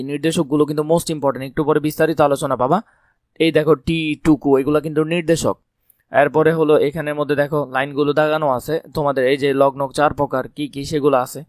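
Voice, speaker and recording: A male teacher with a voice worn hoarse, pitched slightly high. He runs an exam-prep grammar lesson, firing quick questions and answering them himself. The recording is close and dry. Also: darkish tone, no echo. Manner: repeats key points as quick questions and answers.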